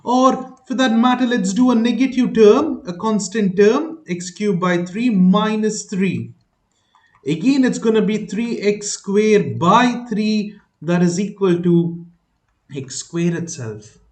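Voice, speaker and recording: A man's voice: high-pitched, takes it slowly, a little mellow. Man teaching math in an echoey room. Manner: talks through steps, asks the listener checking questions. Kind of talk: explaining a math lesson.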